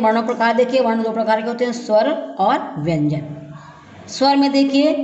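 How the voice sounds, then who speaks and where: A woman's voice: a little high, a little mellow. A woman teacher walks through a grammar lesson, posing questions and answering them herself as she sounds out syllables one by one. Her voice carries a long, roomy echo, and the recording is dull and muffled. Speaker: school teacher. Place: classroom or room at a school. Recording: dull echoey room recording.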